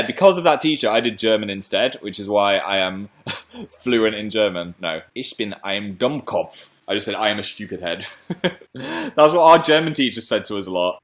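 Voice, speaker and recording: A man's voice: on the low side, a bit bright. A British man chatting playfully on a laptop livestream, rambling through jokes and silly asides. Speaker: YouTuber hosting a livestream. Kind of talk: casual live-stream chat. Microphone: laptop microphone.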